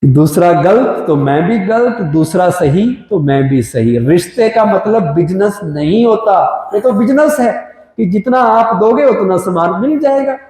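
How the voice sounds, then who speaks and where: A man's voice: high-pitched, expressive, unhurried, a little mellow. A man giving a spiritual talk to a live audience, often asking the crowd questions. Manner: asks the crowd questions, Hinglish mix. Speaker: spiritual speaker. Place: large hall. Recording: echoey hall from afar.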